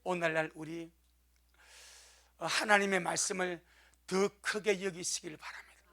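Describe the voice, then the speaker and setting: High gravelly Korean pastor preaching. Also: male voice, steady tone, sharp tone. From South Korea. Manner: emphatic preaching, repeats key phrases, slow scripture reading. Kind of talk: sermon. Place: church.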